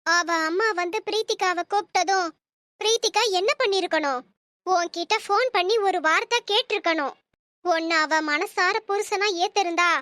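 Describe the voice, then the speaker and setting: A woman voicing a shrill scheming cartoon mother. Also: pushed and bright, dry recording, clean studio sound. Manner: scolding, lecturing, fake tearful pleading. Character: stern scheming middle-aged mother, manipulative. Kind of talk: cartoon story voice acting.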